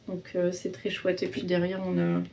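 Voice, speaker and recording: A woman's voice: on the low side, monotone, moderate pace, vocal fry, darkish tone, distant mic, slight background noise. A woman chatting casually in a reading vlog, hesitant and full of fillers and restarts. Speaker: book vlogger.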